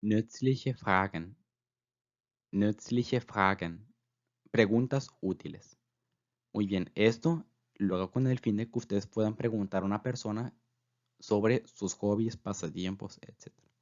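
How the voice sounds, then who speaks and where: Low-voiced man teaching German slowly. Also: darkish tone, dull audio. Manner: slow, careful repetition of example phrases; filler "pues" between phrases. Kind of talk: voice-over language lesson.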